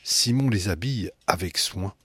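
A man reading a children's tale aloud, animated and playful. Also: low-pitched, normal speed, slightly rough, dry recording, clean studio sound. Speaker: storyteller. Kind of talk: expressive storybook reading.

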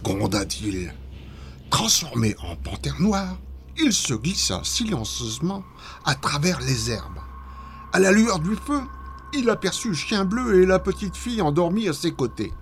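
A male storyteller reading a children's tale aloud, with a lively, swooping delivery. His voice sits fairly high for a man. Faint noise lies underneath. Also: a little slow. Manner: expressive, dramatic storytelling. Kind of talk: scripted story narration.

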